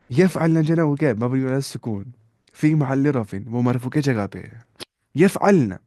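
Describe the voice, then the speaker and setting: A man's voice: mid-range voice, dark tone, dry recording. Male grammar teacher, patient, drills forms aloud, dry close sound. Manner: patient, asks rhetorical questions and answers them. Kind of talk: explaining grammar rules step by step.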